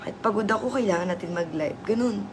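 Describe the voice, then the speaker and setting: A hoarse woman hosting a casual livestream, chatty and teasing as she greets viewers. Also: medium pitch, quick pace, noisy background. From Southern Leyte, Philippines. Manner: chatty, teasing, laughs often. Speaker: livestream host.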